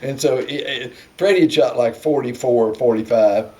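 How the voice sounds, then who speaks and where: An older man speaks with an Appalachian Southern accent at a middling pitch. He reminisces casually, like someone among old friends, in folksy, rambling anecdotes. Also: normal speed, a little mellow. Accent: Appalachian Southern American. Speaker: storyteller sharing family memories.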